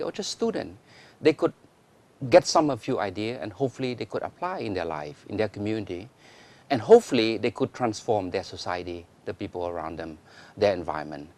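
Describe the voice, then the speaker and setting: This is a middle-aged man hosting a television interview. His voice sits fairly low, and his delivery is formal but friendly, broken by frequent hesitations. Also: a little mellow. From Cambodia. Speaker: talk show host.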